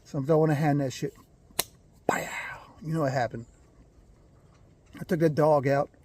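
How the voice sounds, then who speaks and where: A man telling a rambling, folksy story about his birds, clearing his throat now and then. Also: on the high side, steady tone, normal speed, darkish tone, a little hiss or hum. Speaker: gamefowl breeder. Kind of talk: casual storytelling.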